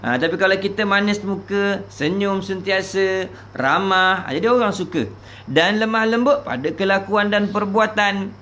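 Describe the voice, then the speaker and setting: A man's voice: high voice, bright, forceful tone, slight background noise. Malaysian man teaching a religious text. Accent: Malaysian Malay, Terengganu. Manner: explains slowly, repeats key phrases with many "ha" fillers. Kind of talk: religious book lesson.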